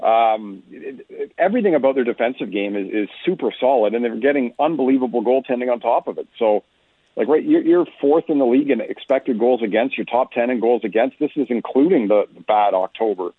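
A man with a medium-pitched, slightly rough voice and lively intonation offers sports analysis as a guest over a narrow, phone-like radio line. He talks conversationally and explains his points in a measured way. The audio is dry, with no room echo.

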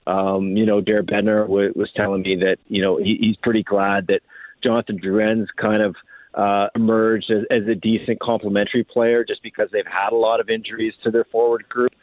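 Calling in as a radio guest, a hockey writer talks sports analysis a little fast, in a lowish voice with little pitch movement, often restarting and repeating his phrases. The dry recording has the narrow, tinny quality of a phone line.

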